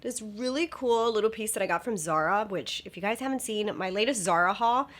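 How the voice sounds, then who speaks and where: A young beauty vlogger chats casually through a makeup tutorial in a slightly nasal, medium-pitched voice at a fairly quick pace. She's upbeat and sometimes drops into a soft whisper.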